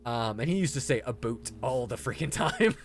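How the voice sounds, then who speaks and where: With lively intonation and a moderate pace, this medium-pitched male voice belongs to a relaxed game streamer who laughs a lot. He chats and reads out viewer comments while music plays in the background.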